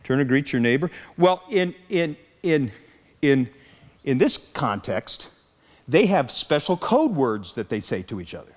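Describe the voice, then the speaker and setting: A man telling a humorous story in a sermon, animated and jokey, acting out the voices of people he quotes. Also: mid-range voice, measured pace, big-room sound. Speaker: preacher.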